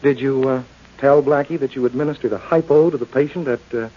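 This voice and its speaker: An actor playing a coolly polite, menacing doctor who is a murderer, in old-time radio crime drama style, probing with insinuating hesitations. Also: male voice, medium pitch, fairly quick, close to an everyday voice. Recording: dull, lo-fi old radio recording.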